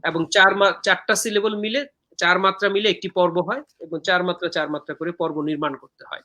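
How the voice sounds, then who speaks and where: Bright-voiced man explaining poetry meter. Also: sits high, fairly even intonation, lo-fi sound. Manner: measured, with frequent hesitant "uh" fillers. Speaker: poet hosting a live-streamed poetry talk. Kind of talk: explaining verse meter and reading viewer comments.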